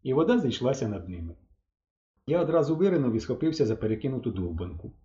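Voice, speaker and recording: A man reading a children's audiobook aloud with lively storytelling. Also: mid-range voice, fast, echoey room, muffled recording. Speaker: audiobook narrator.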